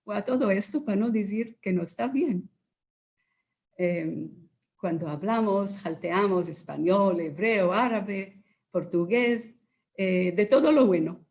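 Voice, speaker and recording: A woman with a Moroccan Judeo-Spanish Haketia accent, explaining carefully with many pauses as an interview guest. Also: mid-range voice. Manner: measured, with many hesitations and lively quoted voices.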